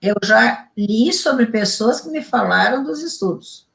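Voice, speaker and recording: Lively woman telling stories. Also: on the high side, unhurried, creaky. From Rio Grande do Sul, Brazil. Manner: animated, emphatic storytelling with repetitions. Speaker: integrative therapist guest. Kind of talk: casual interview chat.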